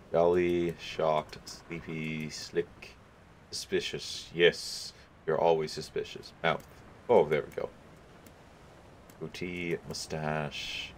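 The voice rumbles low over slight background noise. He hosts gaming videos, talking through his gameplay casually and pondering each option aloud with an occasional chuckle.

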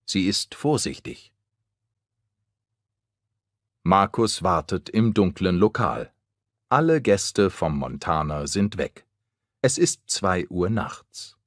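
Male narrator, slow and clear for learners; lively pitch, dry close recording. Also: no echo. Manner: clear and deliberate. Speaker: narrator of a language-learning story. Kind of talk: slow scripted storybook narration.

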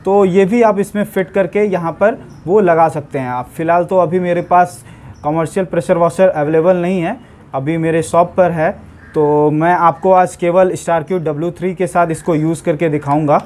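Speaking at a moderate pace with fairly even intonation, a young man with a slightly high, somewhat mellow voice casually demonstrates and reviews a pressure washer gun. He's washing a car in a yard outdoors, talking to his viewers as friends, with the camera a few steps back.

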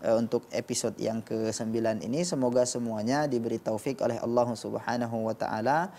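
A man, judging Quran recitation and giving calm, instructive critique while demonstrating pronunciation. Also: mid-range voice, a little fast, a little hiss or hum.

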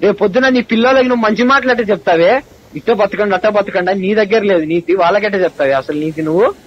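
A young man in a heated phone argument, angry and accusing, with an abusive, rapid-fire way of talking. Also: high-pitched. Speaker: college student on a phone call. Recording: phone call recording, dull with faint hiss.

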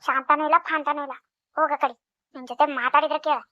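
A woman voicing a defiant, sharp-tongued middle-aged village wife in a cartoon, with a North Karnataka Kannada accent. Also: sits high, steady tone, fast talker, no room sound, natural voice. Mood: scolding. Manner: defiant, scolding. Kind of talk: cartoon voice acting. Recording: dull lo-fi recording.

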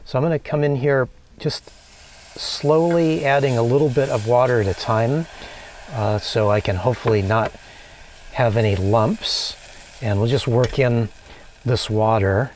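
Calm man talking through a recipe. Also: mid-range voice, slight background noise. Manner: calm, unhurried, many filler "uh"s. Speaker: vlogger cooking in his van. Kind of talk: casual cooking demonstration. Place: small camper van kitchen, indoors.

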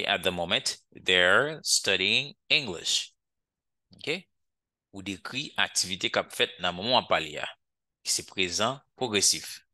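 Male English teacher, low bright voice, close dry sound, slow repeated drills. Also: no room sound. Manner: drills English phrases slowly, asks "ok?" often. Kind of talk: language lesson.

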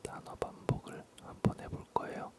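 A man whispering a rambling ASMR talk in a breathy, barely audible low voice, halting and softly repeating words. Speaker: ASMR creator.

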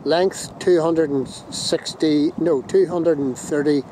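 Outdoors at a windy hilltop viewpoint, a slow-talking Northern Irish vlogger keeps a steady tone in a voice that's a little high. He chats and rambles in casual walking commentary, full of fillers and self-corrections, recorded on a handheld phone camera with wind noise on the mic.

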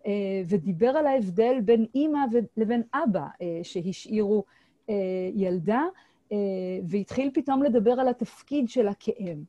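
A middle-aged woman lectures on her historical research at an online seminar. She talks hesitantly, often pausing on filler sounds and restarting phrases. Her voice is warm and mellow, and the sound is dry and close through a video call mic. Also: mid-range voice, no echo. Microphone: computer mic on a video call.

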